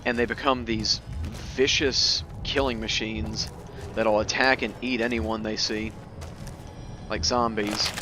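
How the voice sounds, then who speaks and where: A man's voice: fairly low pitch, little pitch movement, slow, noisy background. A man giving casual gameplay commentary, informal and joking as he explains things. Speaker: video game streamer. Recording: game music behind commentary. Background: video game music and sounds.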